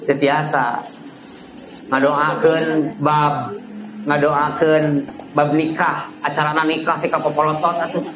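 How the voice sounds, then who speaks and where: Sundanese-accented preacher with swooping pitch. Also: male voice. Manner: swings pitch high and low for effect, mixes in dialect. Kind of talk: casual sermon. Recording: live talk with ambient noise.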